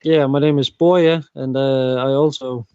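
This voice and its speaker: A man, a podcast guest talking in a halting way and repeating words. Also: medium pitch, fairly even intonation, mellow, smooth, dry recording, muffled recording. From Faroe Islands. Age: 20s. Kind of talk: casual interview chat.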